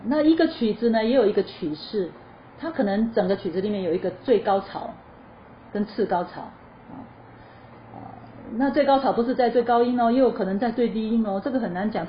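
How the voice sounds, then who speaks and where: Woman teaching choir singing, chatty. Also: medium pitch. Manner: lively explanatory, sings short demo phrases; chatty, asks questions then answers them. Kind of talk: spoken music lesson. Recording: slightly dull lo-fi recording with faint noise.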